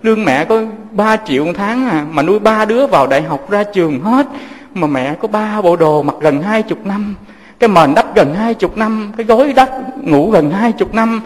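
Remorseful sobbing daughter, voiced by a male preacher, high pitch. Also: lively intonation, normal speed, in a large hall. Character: grieving grown daughter at mother's altar.

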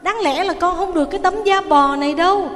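A woman with a Southern Vietnamese accent voicing a calm, wise old male spiritual master who speaks gently and slowly, in a long reverberant hall. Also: extremely high pitch. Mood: reassuring.

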